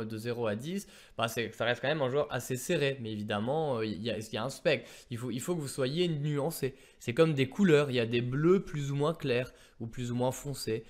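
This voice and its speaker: A poker coach with a medium-pitched voice explains poker concepts in a casual lesson between two people. He is animated and likes to draw everyday comparisons.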